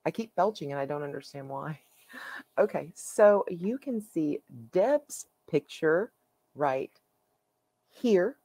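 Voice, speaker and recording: A woman hosting her own coloring channel, chatting casually and haltingly with plenty of fillers as she shows her finished pages. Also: low voice, lively intonation, mellow, dry recording. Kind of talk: casual show-and-tell.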